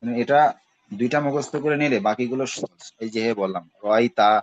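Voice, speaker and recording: A man's voice: mid-range voice, a little fast, lo-fi sound, slight background noise. Patient male Arabic grammar teacher. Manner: patient, repeats verb forms with their meanings; checks in with "ঠিক আছে". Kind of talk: recorded class lesson.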